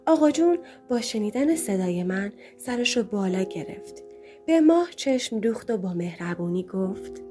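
A woman narrating a story in the first person with an expressive telling. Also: mid-range voice, soft background music.

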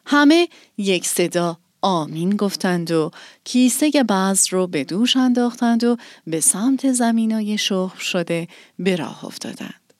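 Calm woman narrating a storybook. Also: mid-range voice, no echo, clean studio sound. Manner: calm, measured, softly expressive.

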